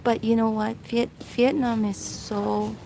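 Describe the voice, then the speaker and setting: A woman's voice: a little high, flat delivery, slow, gravelly. A woman chatting casually to viewers as a vlogger, thinking aloud, recorded on a handheld phone by a swimming pool. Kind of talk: casual live chat to viewers. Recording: noisy poolside ambience on phone mic.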